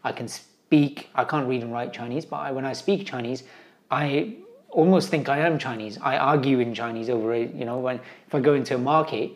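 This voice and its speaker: This travel writer, a man with a British accent and mid-range voice, speaks fairly quickly as an interview guest. His earnest, conversational replies tend to stray into tangents.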